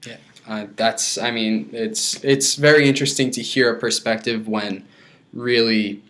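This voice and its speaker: A man hosting a podcast, asking interview questions in a friendly, slightly halting way. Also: medium pitch, steady tone, a bit bright. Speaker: podcast host. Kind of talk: interview questions and casual chat.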